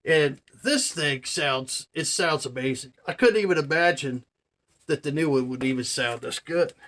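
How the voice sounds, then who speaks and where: In a bright, high-leaning voice at normal speed, a male vlogger in his forties talks in a loose, rambling way. Fillers such as "man" and "you know" come up constantly, and his emphasis sounds sincere and awed.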